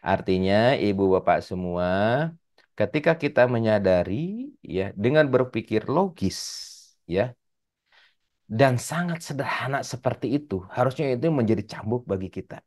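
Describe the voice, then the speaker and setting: A man in his forties with a Sundanese accent, giving an animated religious study lecture and addressing the audience directly. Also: medium pitch, unhurried. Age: 40s. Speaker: speaker at a religious study session.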